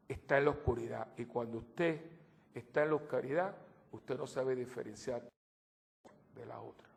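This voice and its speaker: There's a creaky quality to this priest's voice as he gives a lively sermon to his flock. He jokes on the side and shifts from loud outbursts to soft, low asides.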